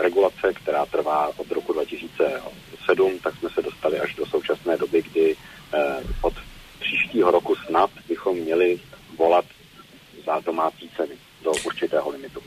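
A man's voice: a bass voice, steady tone, a little hiss or hum, low-quality recording. A man speaking as a telecom regulator in a news interview, explaining at length with many hesitations and fillers.

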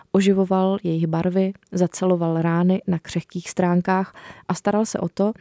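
A woman's voice: fairly low pitch, dark tone, no room sound. A woman, an author and radio guest, talking hesitantly with fillers and then reading her book aloud in a studio. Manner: hesitant, with many fillers when talking freely.

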